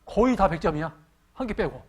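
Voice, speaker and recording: A pastor telling a sermon story in an animated way, often asking the congregation questions. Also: male voice, sits high, fairly quick.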